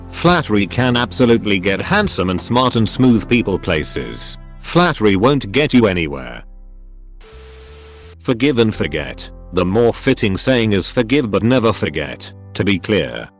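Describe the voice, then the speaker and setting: Lively low-voiced man reading forum posts. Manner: reads out abbreviations and punctuation literally. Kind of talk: scripted narration of forum posts. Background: faint background music.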